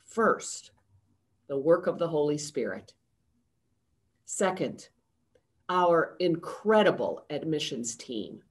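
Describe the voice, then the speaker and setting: Older woman in her 60s giving a formal address on a video call, slow and steady, kinda low voice. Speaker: seminary president. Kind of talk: prepared address to a town hall. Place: home study with bookshelves.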